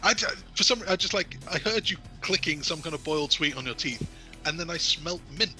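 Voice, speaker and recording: A man co-hosting a wrestling podcast, chatting casually and laughing often in a relaxed, bantering way. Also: on the high side, brisk, faint music behind. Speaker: podcast co-host. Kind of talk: casual chat reviewing wrestling results.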